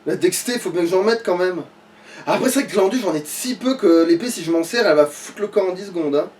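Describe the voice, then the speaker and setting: Swearing and muttering, a man repeats himself while casually talking through a video game as a let's player. His delivery is high-pitched and quick, with lively intonation and a slightly mellow quality, recorded from a distant mic with faint noise behind.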